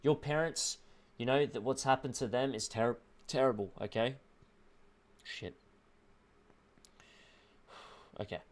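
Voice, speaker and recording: A young man livestreaming, earnestly talking a viewer through loss in a halting, emotional way, close to tears. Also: mid-range voice. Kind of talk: emotional heart-to-heart with a viewer on stream.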